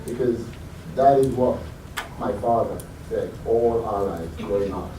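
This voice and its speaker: A British motivational speaker delivers a live talk, sharing stories and putting questions to his audience. His voice is lowish and a little slow, heard from far off in an echoey hall with a noisy background.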